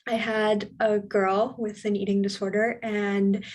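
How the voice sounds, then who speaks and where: A woman's voice: mid-range voice, flat delivery, measured pace, darkish tone. Young woman chatting about her hospital job, keeps quoting herself and others, lots of ums. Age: young adult. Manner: chatty, acts out dialogue with patients. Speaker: mental health specialist. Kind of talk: casual panel talk.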